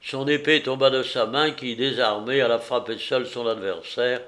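A man's voice: medium pitch, fairly even intonation, fairly bright tone. Man narrating a historical novel. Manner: measured storytelling. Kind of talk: reading a historical novel aloud.

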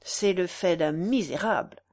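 A woman voicing a bitter, worried old countess and mother in a slow audiobook reading. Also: fairly low pitch, darkish tone. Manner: bitter, anxious.

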